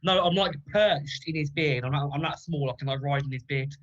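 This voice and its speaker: A man playing a tabletop game, giggly and excitable as he jokes with the group. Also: a little high, normal speed, a little hiss or hum. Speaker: player. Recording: dull lo-fi sound.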